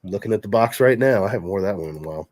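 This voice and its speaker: On a fragrance livestream, a congested man with a fairly low voice races through viewer questions, reading them aloud and answering in an easygoing, chatty way. The sound is clean studio audio with no room tone.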